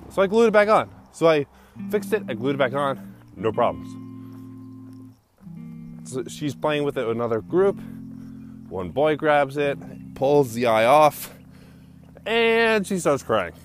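A man's voice: on the high side, sing-song, a little slow, long pauses. A young man hosting his own podcast, telling casual stories while walking outdoors, rambling with lots of "like" and frequent laughs. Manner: rambling, full of "like" fillers, laughs often. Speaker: solo podcast host. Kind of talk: casual storytelling monologue. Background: guitar music.

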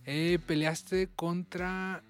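A man with a Mexican accent interviewing in a relaxed, halting way with many fillers. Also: high voice, clean tone, faint music behind. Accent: Mexican Spanish. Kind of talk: casual conversation.

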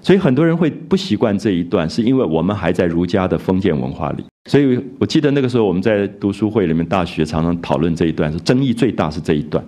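An older man giving a conversational literature lecture, often adding a drawn-out "ah" and restarting phrases. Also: sits low, very animated, dark tone. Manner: conversational, frequent filler "啊" and restarts, quotes characters in raised voice.

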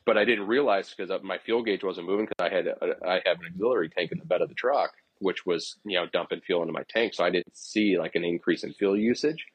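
A man in his thirties, a podcast guest, telling a rambling story in a relaxed way with restarts and chuckles. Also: deep voice, fast talker, hardly any pauses, husky, no room sound, low-quality recording. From Ohio. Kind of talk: casual storytelling.

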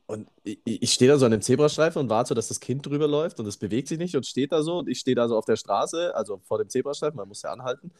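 A man's voice: mid-range voice, lively intonation, quick pace, hardly any pauses, darkish tone. Laughing, rambling podcast man. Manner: laughs often, rambling storytelling. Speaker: podcast co-host. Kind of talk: casual podcast chat.

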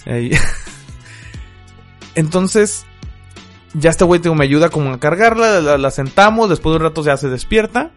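A young man with a Mexican accent, co-hosting a casual podcast and telling a story in quick, slangy speech full of filler words. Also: fairly high pitch, animated, faint music behind. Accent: Mexican Spanish. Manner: slangy, fast, peppers every phrase with filler. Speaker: podcast co-host.

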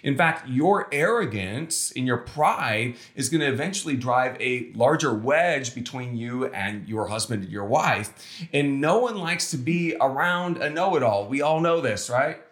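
A man with a lively, wide-ranging voice co-hosts a relaxed podcast conversation, telling stories with animated energy. His voice sits in a noticeably roomy echo. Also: mid-range voice, a little slow. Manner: animated storytelling, acting out voices in quotes. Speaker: podcast co-host.

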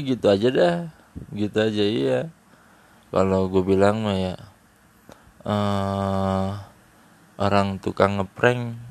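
A man's voice: fairly low pitch, a little mellow. A man in casual, teasing chat, laughing often as he jokes around. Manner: joking banter with frequent laughter; slangy and teasing.

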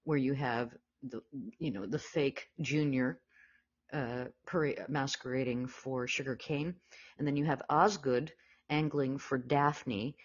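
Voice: mid-range voice, fairly even intonation, a little slow, slightly rough. A podcast co-host casually discussing a classic film, often quoting lines and laughing. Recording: dull lo-fi audio.

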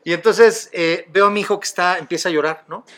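With a high-sitting, slightly bright voice and a brisk pace, this middle-aged Mexican-accented man hosts a podcast. His casual conversation is full of chatty stories and easy laughter.

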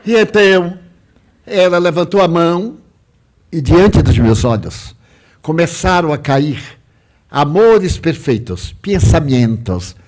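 Older guy telling a spiritual story on stage, kinda high voice, dramatic and hushed by turns. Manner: dramatic storytelling, swings between loud and hushed. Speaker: speaker.

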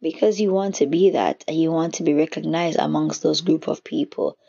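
Woman, deep raspy voice, mellow tone, casual spiritual teaching, reflective. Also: steady tone, moderate pace. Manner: reflective, searching for words, many restarts. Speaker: faith teacher. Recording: dull lo-fi recording.

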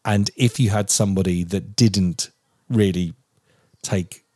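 A man's voice: deep voice, steady tone, a little slow, warm tone, no echo, studio quality. A man in his forties with a southern English accent, co-hosting a casual podcast chat, rambling and swearing as he talks. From England. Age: 40s. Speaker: podcast co-host.

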